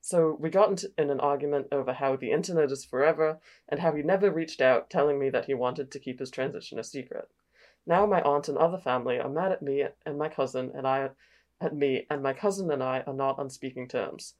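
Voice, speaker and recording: A low, deep-set voice of a woman playing a young man telling his own story. The accent is put on for comedy, loosely Australian and sliding toward northern English. It is read aloud like a confession post. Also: brisk, a little mellow. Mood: earnest retelling. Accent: put-on, loosely Australian drifting northern English.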